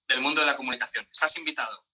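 Fast, bright, enthusiastic male live-stream host. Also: medium pitch, husky. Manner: enthusiastic, drawn-out announcements to the audience. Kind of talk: casual live-stream interview.

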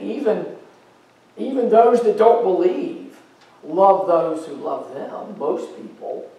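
A man's voice: high voice, a little mellow, recorded from a distance. A middle-aged American man preaching a sermon as pastor, in a conversational, folksy way with fillers. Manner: paces and gestures while preaching. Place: church sanctuary stage. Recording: very echoey church from afar.

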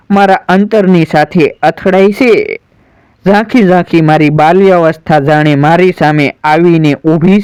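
A man's voice: high voice, a little mellow, clean tone, no room sound. A man storyteller voicing a grieving proud warrior son in a dramatic recitation, solemn and pleading.

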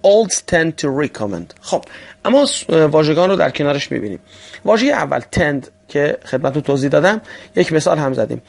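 A man teaching English vocabulary for an exam, often calling listeners friends and slowly repeating example phrases. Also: a little high, animated, gravelly. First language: Persian. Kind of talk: vocabulary lesson for exam prep.

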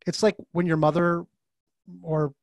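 A man's voice: on the high side, measured pace, dry recording. A man talking as a podcast guest over a video call, chatting casually and animatedly, acting out the voices in his stories. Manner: animated, acts out quoted voices mid-story. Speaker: podcast guest, author and design facilitator. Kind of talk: casual conversational interview.

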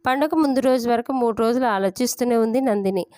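Clear-voiced woman storyteller. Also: fairly high pitch, a little fast, warm tone, no room sound. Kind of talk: storybook narration.

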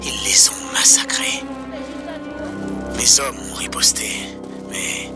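A man's voice: very high voice, very animated, takes it slowly, over loud music, full character voice. A man playing a paranoid, conspiracy-minded pirate radio host, broadcasting grave and impassioned warnings straight to his listeners. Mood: angry warning.

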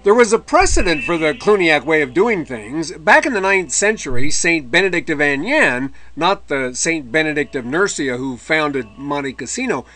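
A man's voice: a little high, sing-song, normal speed, few pauses, a bit bright. A man giving a recorded history lecture, explaining in a conversational way with dry asides and occasional mid-word self-corrections.

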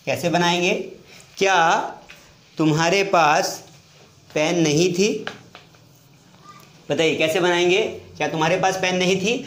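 A man's voice: high-pitched, steady tone, unhurried, pauses often, a bit bright, roomy sound. A man teaching spoken English, explaining step by step and answering his own questions, switching between Hindi and English. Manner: speaks in Hindi, mixing in English words and sentences. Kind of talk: classroom lesson.

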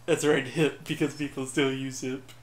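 A man's voice: medium pitch, flat delivery, normal speed, slight background noise. Self-mocking man, echoey room. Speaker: gameplay commentator. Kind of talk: casual gaming chat.

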